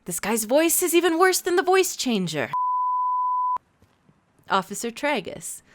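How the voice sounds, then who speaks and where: A woman playing a polished TV interviewer with an expressive, rising-and-falling voice. She stays polite while her patience wears thin. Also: high voice, measured pace, no room sound. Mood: exasperated. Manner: polite, increasingly exasperated. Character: professional TV interviewer.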